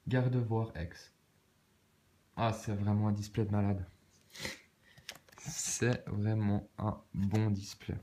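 A man with a Swiss French accent, calmly muttering card names and soft exclamations as he opens packs in a casual vlog. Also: fairly low pitch, takes it slowly, pauses often, a little hiss or hum. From Switzerland. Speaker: card-opening vlogger. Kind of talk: casual commentary while opening cards.

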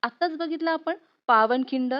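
A woman's voice: high-pitched, moderate pace. A woman teacher reading a history lesson aloud for students, telling it expressively and speaking to viewers directly. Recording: muffled lo-fi recording.

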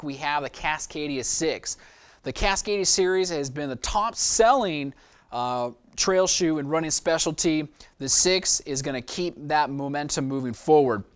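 A man's voice: a little high, smooth. Upbeat man hosting a shoe review vlog. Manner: upbeat salesy delivery with filler ums. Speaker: shoe store vlog host. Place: indoor studio with shoe shelves.

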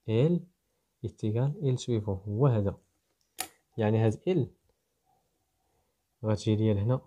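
Speaking in a mellow, medium-pitched voice, this Moroccan Arabic-accented man explains programming to students. He walks through the code one step at a time, reasoning out loud.

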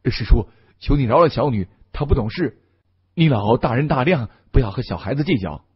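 A man's voice: expressive, a little slow, slightly rough, muffled recording. Man doing a nervous pleading father. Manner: pleading, apologetic, lower voice. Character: harried middle-aged father, anxious and pleading.

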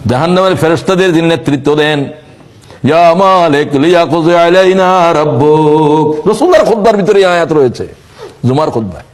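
A man preaching a sermon, moving between plain speech, sing-song chanted recitation and sudden high exclamations. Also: normal speed.

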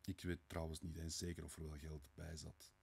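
A man's voice: low-pitched, fairly even intonation, moderate pace, a little mellow, slightly rough. A man voicing a weary, brooding young murderer in an audiobook reading, tired, curt and muttering.

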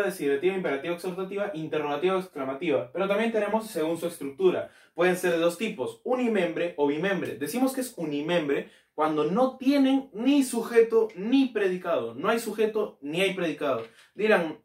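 A man teaching a grammar lesson, checking in with his listeners often and repeating key terms slowly. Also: sits high, far from the mic. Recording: echoey room, voice off-mic.

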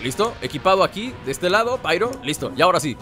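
A man narrates his gameplay in an easygoing let's-play style. He playfully heckles the enemies with mock insults as he goes. Loud game music plays behind him the whole time. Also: sits high, big pitch swings, quick pace. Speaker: gameplay commentator. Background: game music and sounds.

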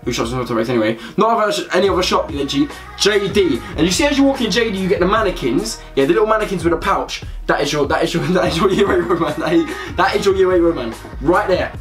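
A man's voice: high voice, fast talker, hardly any pauses. A young man with a London or south-east English accent giving casual, slangy comedic commentary to camera, repeating words for emphasis. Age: young adult. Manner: animated slangy ranting, emphatic repetition. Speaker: comedy video presenter. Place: small bedroom indoors. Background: music.

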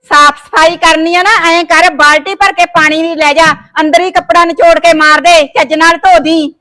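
A woman acting out a bossy middle-aged mother-in-law who scolds without pause. Her voice sits high and sounds bright and forceful. She nags in a sharp, cutting way. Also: fairly even intonation. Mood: scolding. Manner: scolding, nagging, sharp-tongued. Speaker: mother-in-law in a family short film. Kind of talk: amateur family drama acting.

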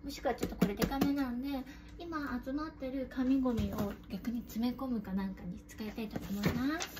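A young adult woman with a cute, girlish, anime-style voice hosts an unboxing vlog from a room at home, chatting casually to the camera. Her pitch is fairly high and she talks fairly quickly. The room is noisy, with rustling and clicks audible.

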